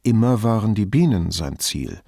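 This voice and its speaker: A man reading an audiobook plays a reflective middle-aged police commissioner who talks in a measured, thoughtful way. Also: lowish voice, very animated, creaky, warm tone, no room sound, studio quality, exaggerated voice.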